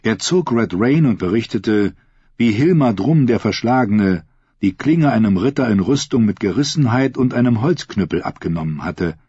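Deep-voiced male narrator, husky, measured dramatic delivery, dry booth sound. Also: expressive, warm tone, no echo, highs cut off. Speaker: audiobook narrator. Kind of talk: scripted fantasy narration.

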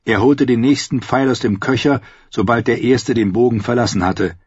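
Husky man reading a fantasy audiobook. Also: mid-range voice, moderate pace, no echo, dull audio. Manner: steady storytelling with loudly shouted battle commands. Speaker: audiobook narrator.

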